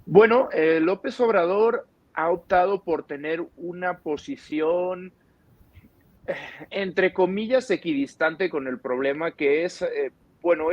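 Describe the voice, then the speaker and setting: On dull audio with no echo, a man whose voice sits on the high side speaks with an accent from Spain; he's from Barcelona. As an interviewed analyst, he explains things with carefully chosen words and qualified points.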